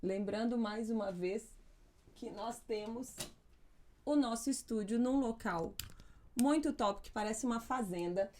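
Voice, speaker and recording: A woman hosting a podcast as a pastor and psychologist, who talks lively and speaks straight to her listeners. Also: a little high, measured pace. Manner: lively, addresses the audience directly. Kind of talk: casual podcast interview. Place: podcast studio in a farm-like setting.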